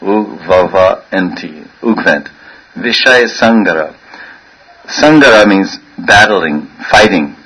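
A man's voice: low-pitched, animated, slow, bright, forceful tone, breathy edge, rough recording. A man giving a playful spiritual sermon who often laughs and acts out other people's voices. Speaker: spiritual teacher.

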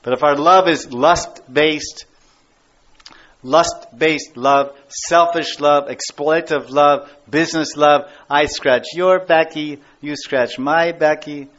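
A man's voice: fairly high pitch, steady tone, slow pace, fairly bright tone. A man giving a devotional class as a spiritual teacher, emphatic and given to repeating key words and phrases. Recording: dull lo-fi recording.

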